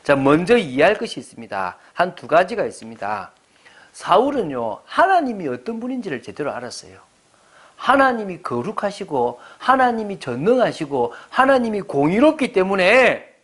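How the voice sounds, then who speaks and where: A pastor in his forties preaches a sermon at a church service in a high-pitched voice. He lays out his points conversationally, repeatedly posing rhetorical questions to the congregation.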